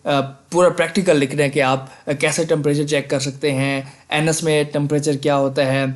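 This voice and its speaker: A man's voice: on the high side, little pitch movement. A man casually explaining medical college exam formats to students, often asking "theek hai" and mixing in English terms. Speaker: medical admissions advisor on a video channel.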